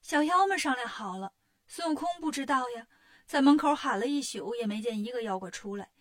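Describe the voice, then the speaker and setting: A woman narrating a children's story in a lively, sing-song, expressive way. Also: on the high side, a little fast.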